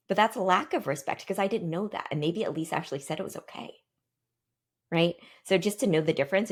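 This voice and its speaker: A woman in her forties with a low voice leads a team workshop, thinking aloud and pausing between ideas. She checks in with the group with questions as she goes. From Pacific Northwest, United States. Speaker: workshop guest speaker.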